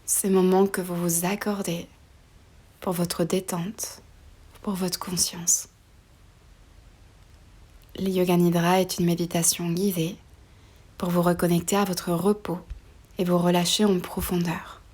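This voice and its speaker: The meditation guide, a woman leading yoga nidra, uses a flat delivery in a lowish register. Her voice is soft, breathy and often nearly a whisper, and she speaks slowly and soothingly with pauses between short phrases.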